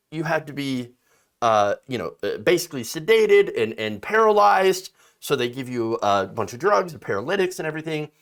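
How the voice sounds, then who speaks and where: A man in his thirties delivers political commentary in a slightly high voice that swings widely up and down. He talks emphatically, reading a story aloud and breaking in with his own remarks, fillers and restarts. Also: fairly bright tone. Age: 30s.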